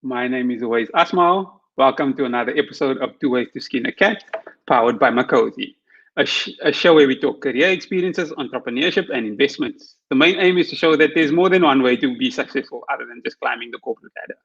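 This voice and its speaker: With a mid-range, fairly bright and husky voice, quick pace and vocal fry, a young podcast host talks about careers in lo-fi sound. He is on a video call using headphones in a small room, and comes across as friendly though slightly rehearsed.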